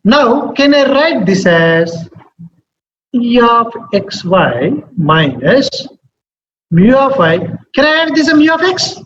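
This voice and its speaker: Male maths teacher, Telugu Indian accent, strikingly high pitch, repetitive questioning classroom delivery, reverberant room. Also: very animated, slow, fairly bright tone. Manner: repeats phrases and checks in with questions. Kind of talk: live classroom maths lecture. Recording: echoey room, dull sound, faint noise.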